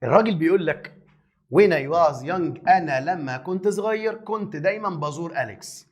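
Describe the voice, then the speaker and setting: A man with an Egyptian Arabic accent teaching an English grammar review lesson to exam students, lively and teasing, asking questions and answering them himself. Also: a little high, normal speed.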